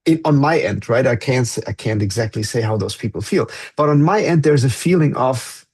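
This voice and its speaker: Husky, thoughtful man hosting a podcast. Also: medium pitch, expressive, fairly quick, a little mellow. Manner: thoughtful, earnest, searching for words. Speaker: podcast host. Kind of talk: reflective podcast conversation.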